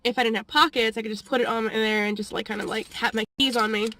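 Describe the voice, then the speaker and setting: A woman's voice: fairly high pitch, fairly even intonation, fast, background noise. A young woman vlogging, telling a story in a rambling, chatty way and often laughing between phrases. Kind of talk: casual storytelling vlog.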